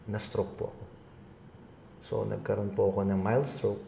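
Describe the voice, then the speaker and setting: A middle-aged man speaks as an interview guest, his voice gravelly with a rough edge. He tells his story politely and at length, doubling back and restarting his phrases. The room is echoey, and a faint ambience sits behind him. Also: lowish voice, flat delivery, moderate pace, mellow, a little hiss or hum. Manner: polite, rambling anecdotal telling with restarts. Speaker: guest, agribusiness consultant.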